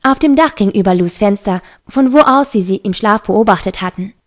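A woman narrating a fantasy novel in an even, steady reading. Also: medium pitch, brisk. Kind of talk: audiobook reading.

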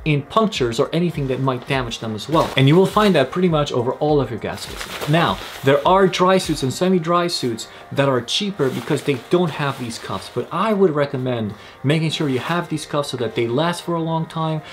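A man's voice: a little high, lively intonation, moderate pace, few pauses, slight background noise. A young man hosting an instructional vlog, explaining gear in a friendly, step-by-step way from a small indoor gear room. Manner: friendly, explanatory, gestures while talking. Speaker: kayaking channel host.

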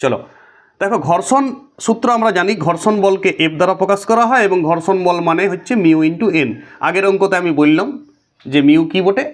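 A man's voice: sits high, fairly quick. A male teacher lecturing on physics problems, asking his students questions and answering them himself. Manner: explains with rhetorical questions to students. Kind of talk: classroom lecture.

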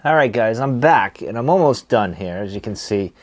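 A man's voice: on the low side, animated, moderate pace. Laid-back man chatting casually between cigar puffs. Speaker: cigar and pipe tobacco reviewer. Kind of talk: casual chat to camera. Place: small wood-paneled room, indoors.

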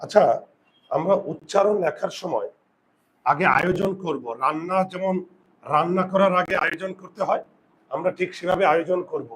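A male teacher giving a grammar lesson, asking his students questions and slowly repeating words for them. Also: high voice, a bit bright, a little hiss or hum. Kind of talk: classroom lesson.

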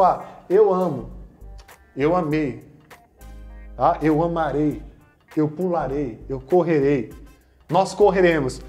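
A man's voice: high-pitched, darkish tone. A male Portuguese teacher with a Brazilian accent giving a playful online grammar lesson, acting out student questions and talking straight to viewers.

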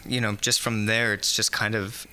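A man's voice: lowish voice, normal speed, clear, resonant tone. A young man, a band member, chatting casually as a podcast guest in a studio. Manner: animated storyteller, hums riffs. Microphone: studio mic with headphones.

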